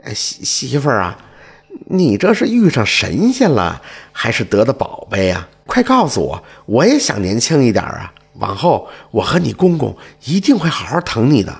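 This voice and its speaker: A man's voice: medium pitch, big pitch swings, moderate pace, creaky, a little mellow, breathy edge, full character voice. A man voicing a scheming, greedy older mother-in-law who sweet-talks in a spoken folk tale. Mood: wheedling. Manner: sweet-talking, wheedling.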